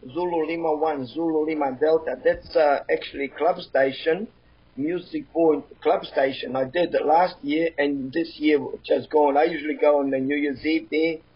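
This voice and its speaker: A man with a Slovenian accent, a guest ham radio operator, speaking in halting, broken phrases on a remote call. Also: a little high, breathy edge. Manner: halting, broken phrasing, keeps adding the host's name. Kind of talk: casual chat. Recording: muffled lo-fi remote line.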